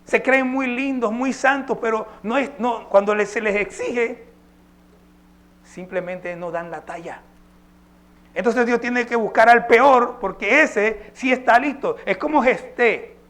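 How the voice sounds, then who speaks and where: A man's voice: very high-pitched, unhurried, fairly bright tone. A male pastor preaching a sermon, emphatic and posing rhetorical questions to his congregation.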